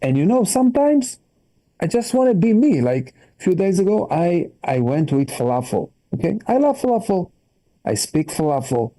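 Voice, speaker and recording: Dark-voiced Israeli man doing stand-up. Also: moderate pace. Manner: animated, jumps high in pitch for punchlines; broken English phrasing. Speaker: stand-up comedian. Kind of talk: stand-up set on a video call.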